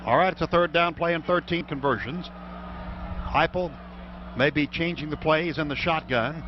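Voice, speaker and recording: A man provides live football play-by-play for radio from inside the stadium booth. His voice is a little high and his pace moderate, captured in a dull, noisy broadcast recording.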